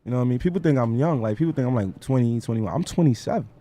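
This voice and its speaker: A man's voice: mid-range voice, lively intonation, very fast, dark tone. Laid-back New York rapper in his twenties. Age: 20s. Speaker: rapper guest. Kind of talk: casual interview chat.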